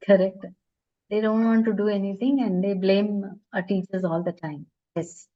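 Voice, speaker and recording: A woman's voice: medium pitch, fairly even intonation, normal speed, muffled recording. A woman teacher trainer answering questions in an online session, earnest and advice-giving with many hesitations, heard over a video call. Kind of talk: online webinar Q&A.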